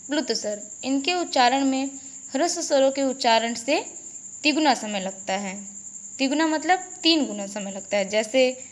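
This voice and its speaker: A woman teacher giving a grammar lesson to a class, slowly repeating and explaining each point. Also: fairly high pitch. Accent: Indian. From India. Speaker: school teacher.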